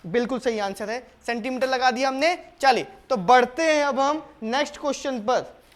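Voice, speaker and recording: A man with a notably high voice teaches a maths lesson, working through a problem step by step. He keeps putting questions to his students and answering them himself. When he reads out the English question, he slows to a careful word-by-word pace. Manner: calls students "beta", coaxing and patient. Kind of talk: board exam lesson, solving problems step by step.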